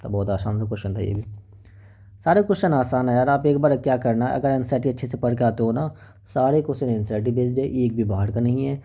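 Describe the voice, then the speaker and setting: Man, teacher, very dark mellow voice, chatty and coaxing, exam-prep lesson. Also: medium pitch, fast talker. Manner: chatty and coaxing, often asks the class "right?".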